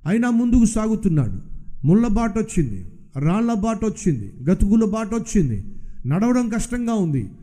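A man's voice: sits high, very animated, normal speed, dark tone. A male preacher telling a story in a sermon with fervent, rhythmic repetition.

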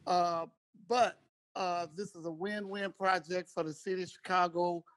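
A man, a city council member, speaking into a meeting over a remote video call whose audio breaks up, talking haltingly and repeating words as he backs a project. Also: high-pitched, fairly even intonation, a bit bright. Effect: remote video call link, audio breaking up.

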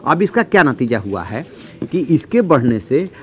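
A middle-aged man giving a measured news commentary from a newsroom desk, reading figures from notes, with frequent "uh" fillers. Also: mid-range voice, very animated, fairly bright tone. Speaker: news analyst. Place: newsroom office, indoors.

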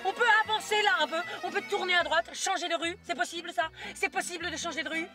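A woman's voice: extremely high pitch, steady tone, fast talker. An actress playing a flustered young woman friend who stammers, repeats words and snaps back defensively. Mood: impatient. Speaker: best friend on the phone. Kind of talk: film acting. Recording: film soundtrack with music underneath.

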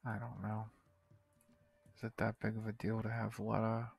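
A man's voice: lowish voice, completely flat delivery, normal speed, creaky, slightly rough. A man giving casual commentary while playing a strategy game, muttering to himself and swearing in frustration. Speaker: gaming video creator.

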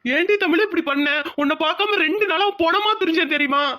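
Cartoon casting: a woman playing a devoted young village lover, high-voiced and fast, coaxing. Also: pushed and bright. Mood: pleading. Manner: coaxing and pleading, affectionate. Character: lovesick young village man, devoted and pleading. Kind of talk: cartoon voice acting.

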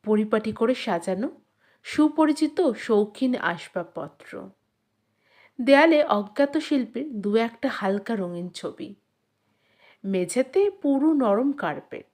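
A woman narrates a literary story for an audiobook, her delivery measured, expressive and dramatic. Her voice sits a little high.

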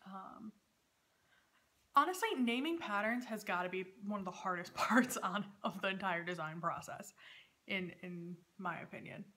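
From the dining room of her home, a knitting podcast host in her thirties chats casually and hesitantly. She talks at a normal speed in a medium-pitched voice that sounds pushed and bright.

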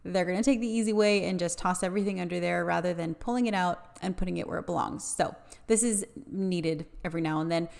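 A woman's voice: fairly low pitch, quick pace, vocal fry, a little mellow. A woman in her thirties, a home vlogger, explaining her cleaning routine in a plain, matter-of-fact voice-over. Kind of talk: voice-over narration.

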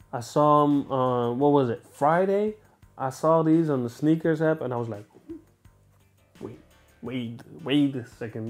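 A sneaker vlogger in his twenties from the Netherlands, with a Dutch accent and medium-pitched voice, does a casual unboxing review of new sneakers while seated on a sofa in a small room. He's chatty and enthusiastic, rambling, restarting sentences, and using lots of fillers.

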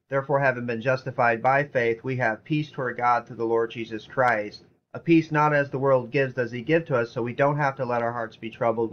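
A man's voice: medium pitch, lo-fi sound. A man preaching a sermon in an earnest, repetitive way, reading scripture passages aloud. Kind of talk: sermon teaching.

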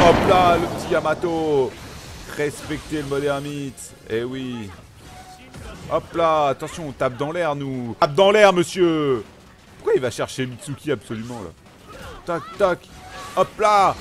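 Man, gameplay commentary, excitable and chatty, slightly high voice, faint music behind. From France. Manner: excitable, chatty, punctuates action with exclamations. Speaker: gaming YouTuber.

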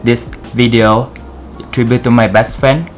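A man's voice: mid-range voice, fairly even intonation, a little slow, faint music behind. A man from Vietnam with a thick Vietnamese accent, speaking earnestly to camera in simple, broken English to encourage others. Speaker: vlogger. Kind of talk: encouraging vlog talk to camera.

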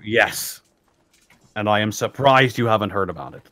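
Low-voiced man in a tabletop game. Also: moderate pace, sharp tone, dry recording. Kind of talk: casual roleplay and narration.

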